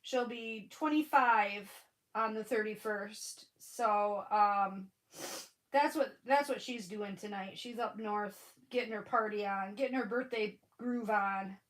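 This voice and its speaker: The audio is poor, and she speaks slowly at a medium pitch. She's a livestream crafting host in her forties with a Michigan accent and a stuffy nose, casually chatting, calling out viewers by name, and leaning on fillers and restarts.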